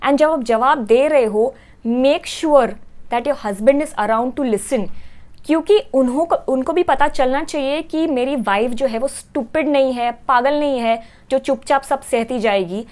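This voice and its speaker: A woman's voice: high voice, a little slow, darkish tone. A woman giving earnest, emphatic relationship advice straight to the viewer, repeating her key points. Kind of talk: direct-to-camera advice talk.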